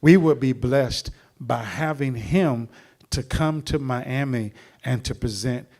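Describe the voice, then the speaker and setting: In a mid-range, somewhat mellow voice, a middle-aged man opens a church seminar by introducing the speaker. He wanders in a preacherly style, pausing often.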